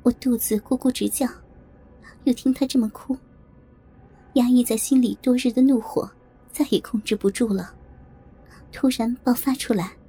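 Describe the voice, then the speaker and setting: A woman narrates a first-person audiobook tale in a steady, even telling. Her voice sits on the high side with a husky grain, and quiet music runs underneath. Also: moderate pace, pauses often.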